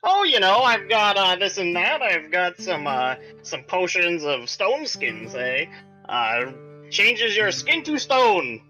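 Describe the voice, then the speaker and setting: An eccentric, chatty alchemist shopkeeper, put on by a man, pitched high and sounding sharp and bright. He rambles eagerly and leans into a conspiratorial sales pitch. Faint music plays behind. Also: very animated, takes it slowly, heavily acted, rough recording. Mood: eager salesman.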